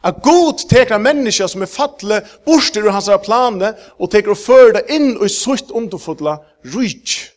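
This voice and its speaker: A man's voice: high voice, lively intonation. Emphatic preacher, man. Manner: halting with many fillers, rising to emphatic peaks. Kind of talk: sermon.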